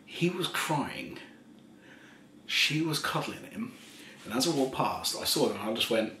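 A tipsy man in his thirties telling a rambling ASMR story in a soft voice, chuckling often and slipping into half-whispers. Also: medium pitch, big pitch swings, measured pace. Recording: roomy echo, faint background hiss.

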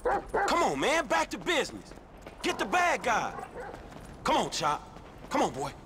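A streetwise young gangster. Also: male voice, very high voice, huge pitch swings, unhurried, exaggerated voice. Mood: coaxing. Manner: drawling, swearing, bossing his dog. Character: streetwise young male getaway driver, level-headed. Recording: video game dialogue with loud noise.

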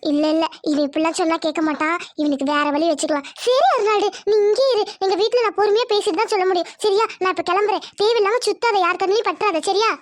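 A woman's voice: high-pitched, little pitch movement, fast, few pauses, dry recording, lightly acted. A woman voicing an anxious teenage village girl who talks nervously. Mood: fretful. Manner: fretful, nervous.

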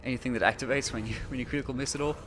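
A man narrating as game master of a tabletop game, brisk and checking the rules. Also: mid-range voice, fairly even intonation, background noise.

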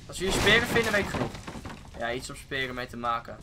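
A man giving excitable let's play commentary on a game, swearing often and slipping English phrases into his talk. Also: mid-range voice, fast. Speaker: gaming video host. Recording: steady background noise.

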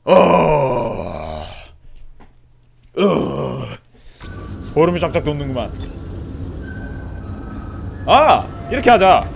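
Panicky, high-voiced male gamer. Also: sing-song, drawn-out words, creaky, pauses often, a little hiss or hum. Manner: panicky pleading and yelling at enemies, then muttering to himself. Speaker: gameplay commentator. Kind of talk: let's play commentary. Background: loud horror game music and sound effects.

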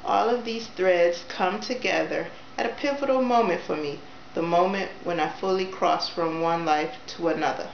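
Young woman, casual vlog, chatty, enthusiastic, lowish voice, echoey small room. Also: normal speed, creaky. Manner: chatty, enthusiastic, many fillers. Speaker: book reviewer. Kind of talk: casual book review vlog. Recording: roomy, dull lo-fi camera audio with faint hiss.

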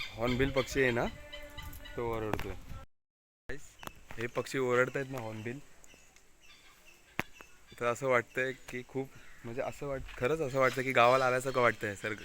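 A man with a Konkan Marathi accent, vlogging casually as he walks through a rainy village and points things out to viewers. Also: medium pitch. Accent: Konkani-region Marathi. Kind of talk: casual travel vlog chat. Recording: outdoor noise in the background.

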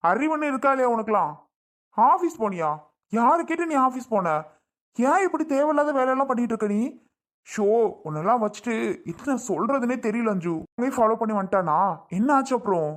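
A lowish voice comes firm and steady as a woman acts the part. She reassures and then scolds in an earnest, protective way, like a relative stepping in within a family drama. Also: fast, close to an everyday voice. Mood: scolding. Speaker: actor in a family drama skit. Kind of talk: acted domestic family drama.

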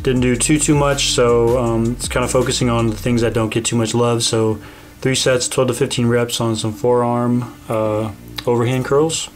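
A young man in his twenties talks through a home vlog voiceover in an easy, rambling way, full of fillers. His pitch sits in the middle of the range. Clear background music runs under his voice. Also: moderate pace. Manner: relaxed, rambling with many fillers. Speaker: fitness vlogger.

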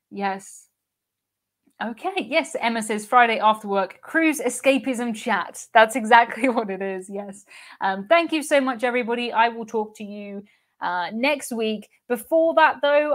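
On a cruise live stream, a young woman from the United Kingdom chats in a fairly high, slightly bright voice. Viewer comments get read out between frequent laughs and repeated words.

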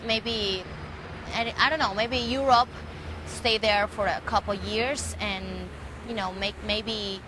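A young singer from Medellín, speaking English as her second language with a Colombian Spanish accent, talks earnestly and searches for words in a casual outdoor interview in a garden. Her voice sits on the high side, and the recording is rough.

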